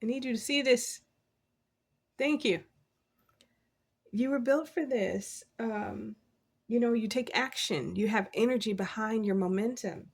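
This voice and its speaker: Woman tarot reader, higher breathy voice, upbeat and chatty, encouraging tone. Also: a little slow, pauses often. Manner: encouraging, chatty, laughs often. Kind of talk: casual tarot reading. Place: at a desk.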